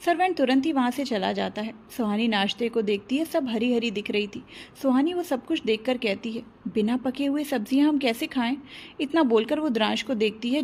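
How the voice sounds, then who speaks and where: A woman narrating a romance audio serial in a steady storytelling manner, voicing every character herself. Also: on the high side.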